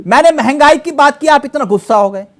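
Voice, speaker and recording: Male TV debate anchor, high lively pitch, insistent and interrupting. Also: brisk, crowd noise. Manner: interrupting, pressing repeatedly for answers. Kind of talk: moderating a heated TV debate.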